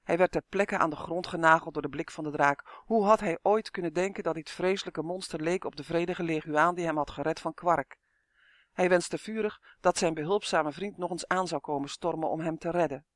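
High-voiced man reading a storybook. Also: moderate pace, dry recording, clean studio sound. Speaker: audiobook narrator. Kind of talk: children's storybook narration.

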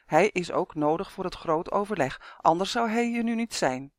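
A woman's voice: fairly low pitch, animated, normal speed, no echo, studio quality, close to an everyday voice. A woman voicing a kind, motherly shopkeeper in a storybook reading. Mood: calm.

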